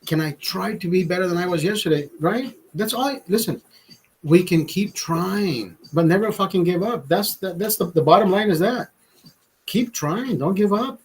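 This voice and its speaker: On a low-quality recording, a man in his forties with a strikingly high voice chats loosely with his livestream audience. He rambles, swears freely, and restarts his phrases, sounding a bit tipsy as he sips beer, and his pep talks swing into loud, emphatic motivational rants.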